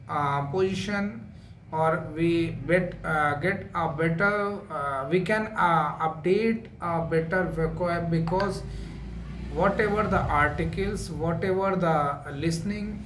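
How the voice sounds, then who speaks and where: A man giving a spoken English lesson, talking slowly with lots of repetition and filler sounds. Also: sits high, a bit bright, a little hiss or hum. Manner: slow, repetitive, many filler uhs. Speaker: English teacher. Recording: echoey room with faint ambience.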